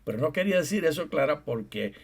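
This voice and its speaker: A middle-aged theologian and professor co-hosts a Bible study program, patiently explaining, teasing a little, and pulling the conversation back on topic. His voice is slightly high, husky, and expressive, and he talks quickly.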